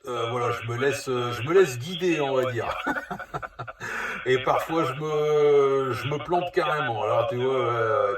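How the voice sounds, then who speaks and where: Over a loud crowd, a male CB operator with a medium-pitched voice talks unhurriedly in casual two-way radio chat. He rambles and hesitates, sounding far from the mic with a roomy echo.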